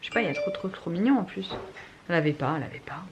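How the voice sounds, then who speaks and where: A woman's voice: fairly low pitch, lively intonation, very fast, noisy background. A young adult woman chatting casually in a family vlog at home, with lots of fillers and an exasperated tone. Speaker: family vlogger. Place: home, kitchen.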